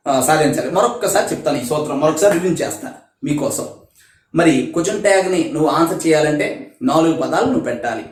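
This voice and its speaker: A man's voice: on the high side, reverberant. A male teacher with a Telugu accent giving a video grammar lesson, drilling each rule step by step and asking and answering his own questions.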